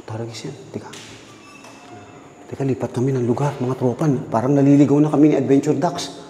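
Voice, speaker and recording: A man's voice: medium pitch, steady tone, a little fast, soft background music. Jittery cursing man in echoey halls. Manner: jittery, swears constantly, repeats words, drops to a hush. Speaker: vlogger exploring an abandoned hospital. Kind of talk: nervous exploration commentary. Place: empty hospital corridors indoors. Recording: echoey hall reverb, faint noise.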